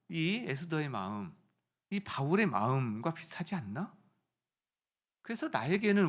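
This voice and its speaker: A middle-aged man preaching a sermon as pastor, swinging from loud rising phrases to soft storytelling. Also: a little high.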